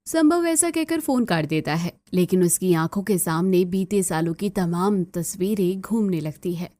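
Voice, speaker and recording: Mellow-voiced woman narrating. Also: lowish voice, lively intonation, moderate pace, faint music behind. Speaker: story narrator. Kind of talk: scripted narration.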